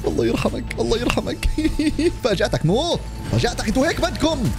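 A man giving excited commentary on his gameplay, laughing and yelling at the game as he plays. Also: extremely high pitch, quick pace, loud music behind the voice. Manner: animated, laughing, shouting at the game. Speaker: gaming YouTuber.

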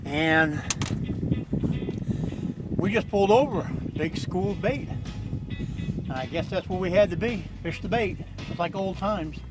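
A man's voice: high voice, unhurried, pauses often, over loud music, low-quality recording. An older man hosting a fishing show from a boat on a lake, talking in a folksy, chatty, teasing way. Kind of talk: casual outdoor show commentary.

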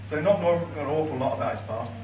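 A young man in his late twenties delivers a best man's speech from notes at a wedding reception, his voice on the high side, dry and teasing, pausing for laughter. A far camera across the large, high-ceilinged indoor room catches him with no mic, so it sounds echoey and distant. Background noise, guests laughing, and room ambience fill the recording.

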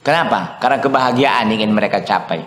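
A male preacher giving a religious study lecture, lively and full of rhetorical questions to his listeners. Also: lowish voice, quick pace. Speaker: Islamic preacher. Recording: echoey lecture room.

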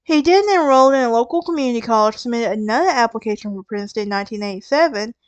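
Southern woman hosting a true crime podcast: smooth, clear voice, casual storytelling with wry asides. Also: fairly high pitch, lively intonation, very fast, dry recording, highs cut off. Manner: conversational, with asides and restarts. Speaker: podcast host.

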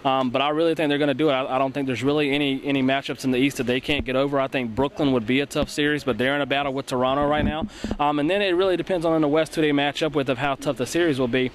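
A man's voice: medium pitch, steady tone, slight background noise. A young male sports broadcaster giving earnest post-game analysis into a handheld mic in an empty arena. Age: young adult. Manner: rapid, earnest, many fillers and restarts. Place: empty indoor basketball arena. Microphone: handheld mic held by co-host.

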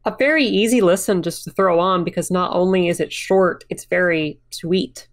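A woman co-hosting a music podcast, giving measured album verdicts and bluntly teasing her co-hosts. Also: fairly low pitch, no echo, studio quality. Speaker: podcast co-host. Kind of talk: casual album review chat.

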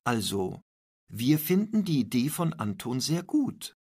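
A kind middle-aged headmistress speaks encouragingly in a storybook, as a man reading aloud puts her on. The voice is slow and husky. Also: medium pitch, very animated, full character voice. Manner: warm, encouraging. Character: kind middle-aged female school principal.

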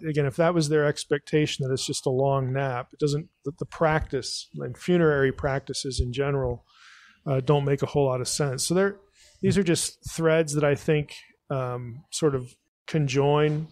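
A man's voice: on the high side, fairly even intonation, moderate pace, a little mellow, no room sound. Man thinking aloud at a live Q&A. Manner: thinks aloud, restarts, leans on "again" and "you know". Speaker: podcast host answering audience questions. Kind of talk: live audience Q&A explanation. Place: live event before an audience.

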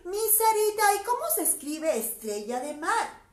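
High-voiced, slow-talking preschool teacher woman. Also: very animated, echoey room. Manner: cheerful, coaxing, addresses children by name. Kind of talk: online preschool lesson.

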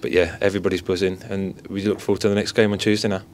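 In a post-match interview by a sponsor board in an indoor press area, a young male football goalkeeper speaks rapid-fire in a deep-ish voice with little pitch movement. He answers humbly with stock phrases into several handheld mics and phones held close, over slight background noise.

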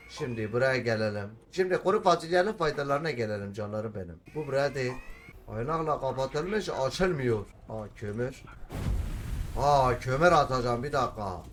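Kendi kendine konuşan oyuncu adam. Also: male voice, mid-range voice, a little hiss or hum. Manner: talks to himself while solving puzzles, bursts into shouting. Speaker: gamer. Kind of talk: let's play commentary.

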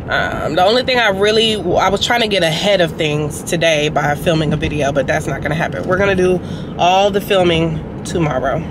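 A woman's voice: on the low side, noisy background. A woman in her thirties chatting casually to her viewers while driving, talking through her errands and day. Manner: chatty, talks to viewers as "y'all". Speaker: vlogger. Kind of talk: casual vlog chat. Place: in a car.

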